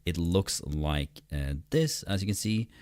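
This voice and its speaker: A man with a low, bassy voice narrates an online tutorial in a casual, enthusiastic way. He speaks close to a desktop microphone, so the sound is dry with very little room. He likes to repeat words for emphasis. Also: animated, unhurried, a little mellow, no echo. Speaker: online course instructor. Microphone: close USB desktop microphone.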